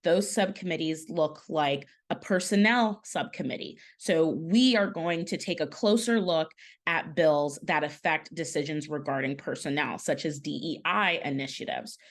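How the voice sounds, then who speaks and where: A woman presenting an online advocacy training in a slightly low voice. She explains step by step in a conversational way, using frequent fillers and correcting herself as she goes. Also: moderate pace.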